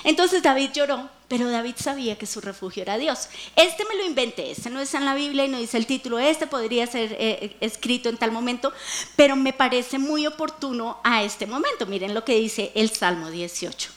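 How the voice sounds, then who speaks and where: A woman's voice: fairly high pitch, animated, brisk. A woman preaching a sermon, telling a scripture story dramatically with humorous asides.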